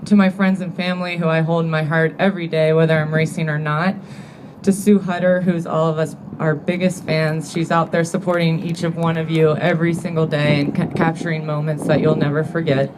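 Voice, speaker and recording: A woman in her thirties giving an emotional acceptance speech at a banquet, earnest and grateful, turning teary and halting at times. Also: low-pitched, little pitch movement, noisy background. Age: 30s. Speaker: award-winning athlete giving a thank-you speech. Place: banquet hall with an audience.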